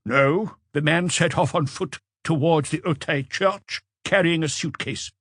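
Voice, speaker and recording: Voicing a confident, observant witness in an audiobook, a man answers with matter-of-fact precision. He pitches his voice above his own, landing a little high and a bit bright, and keeps a measured pace. The studio recording is clean and echo-free.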